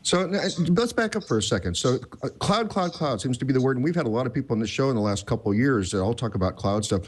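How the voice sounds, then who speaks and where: A man's voice: medium pitch, animated, fast, slightly rough. A man hosting a tech podcast in casual chat, rambling and self-deprecating, with many restarts. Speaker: podcast host.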